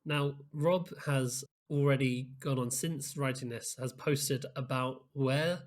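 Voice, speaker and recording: A man's voice: mid-range voice, fairly even intonation, slow pace. A man co-hosting a podcast, chatting casually and reading out listener messages, with plenty of "like" and "um". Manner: rambling, many fillers like "like" and "um". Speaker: podcast co-host.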